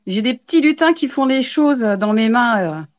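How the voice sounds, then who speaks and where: A woman's voice: fairly high pitch, expressive, a little slow, no echo, dull audio. Playful woman guest on a craft live. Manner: playful, joking. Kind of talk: casual craft chat.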